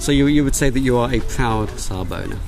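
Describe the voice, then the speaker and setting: Lively, quick male interviewer. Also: medium pitch, gravelly, over music. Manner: chatty, encouraging, reacts often. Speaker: interviewer, host. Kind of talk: casual interview chat. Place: outdoors at a car meet.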